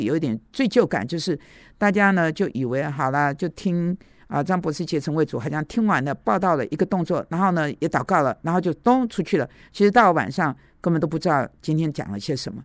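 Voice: medium pitch, no room sound. Preacher, 50s, off-the-cuff devotional talk, drops English words, very dry recording. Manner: conversational, mixes in English words, many fillers. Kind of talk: devotional teaching and prayer.

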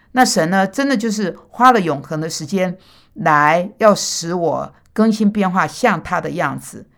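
A woman teaching and counseling in a church setting, giving a personal testimony sermon, animated in her retellings and quiet in confession. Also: fairly low pitch.

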